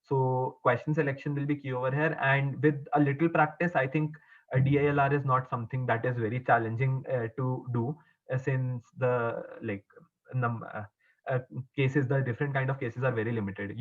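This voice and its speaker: A young man with a mid-pitched voice answers formally, as if advising in an interview. He is earnest but hesitant, often stumbling and restarting as he explains. The sound is thin and narrow, like a phone line. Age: young adult. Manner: hesitant, halting, with frequent stumbles and repeats. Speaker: exam topper giving advice as interviewee. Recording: muffled, phone-like narrow band.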